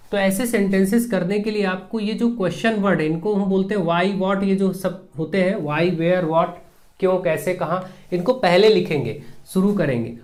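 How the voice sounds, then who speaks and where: A man with a Hindi accent teaching an English grammar lesson for an exam, explaining step by step and slowly repeating example sentences. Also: sits high. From India.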